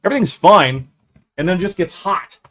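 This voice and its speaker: A man running a casual livestream from his basement office, swearing a lot, getting excited and then putting himself down. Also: high-pitched, a little fast. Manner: profane, excitable, self-deprecating. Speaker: comic shop owner streaming.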